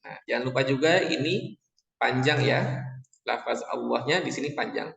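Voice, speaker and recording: A man's voice: mid-range voice, animated, moderate pace, gravelly, fairly bright tone. A man teaching Quran recitation, patiently repeating syllables and chanting verses to show correct pronunciation. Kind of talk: tajwid lesson with chanted demonstrations. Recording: echoey room with long reverb.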